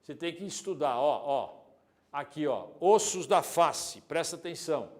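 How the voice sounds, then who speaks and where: A man teaching an anatomy video lesson, lively and joking, speaking straight to the student and swinging between loud and soft. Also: on the high side, unhurried. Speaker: exam prep teacher.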